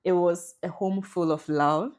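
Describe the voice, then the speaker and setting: A woman with a Ghanaian English accent speaks as a podcast guest. Her voice sits low, and she tells her story in a warm, thoughtful way. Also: fairly even intonation, measured pace. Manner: warm, reflective storytelling with laughs. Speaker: guest researcher. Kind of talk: podcast interview.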